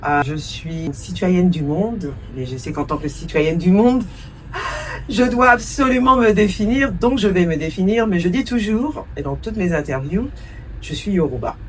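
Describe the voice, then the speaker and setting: A woman's voice: on the low side, normal speed, far from the mic, a little hiss or hum. A woman in her forties, raised in France, answering interview questions as a cultural entrepreneur and producer, thoughtful, with many hesitations and a few English words mixed in.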